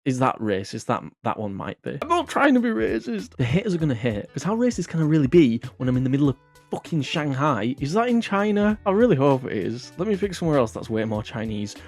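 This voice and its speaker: A man's voice: medium pitch, sing-song, quick pace, a little mellow, faint music behind. A man hosting a casual comedic vlog, rambling and self-mocking, swearing often. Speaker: vlog host.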